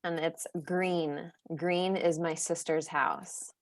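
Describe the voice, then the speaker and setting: A woman co-hosting a poetry and tea session, reading a poem in a calm, measured way. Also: on the low side, no echo. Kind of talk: gentle poetry reading and chat.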